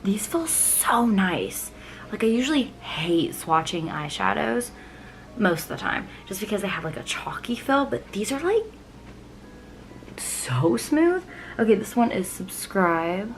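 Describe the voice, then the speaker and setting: A woman's voice: medium pitch, expressive, unhurried, creaky. A woman talking informally to camera in a makeup tutorial, with casual first impressions and frequent filler 'like'. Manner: informal and chatty, frequent 'like', gushing asides. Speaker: makeup vlogger. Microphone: recording herself on camera with a ring light. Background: music.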